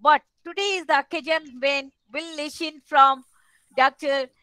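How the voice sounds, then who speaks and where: A middle-aged woman with an Odia Indian accent gives a formal address as webinar host. Her voice is high and bright, picked up closely and dryly on a headset. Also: fairly even intonation, unhurried, dry recording. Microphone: headset on video call.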